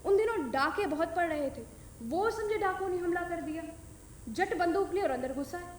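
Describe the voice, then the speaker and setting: A woman telling a comic story in the dastangoi style, lively and expressive, in an echoey room. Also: extremely high pitch, normal speed, slight background noise.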